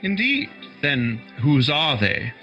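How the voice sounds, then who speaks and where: An actor playing a genial, kindly gentleman doctor, a detective's loyal companion, in a radio play. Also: on the high side, very animated, takes it slowly, highs cut off, soft background music, heavily acted. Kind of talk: radio drama acting.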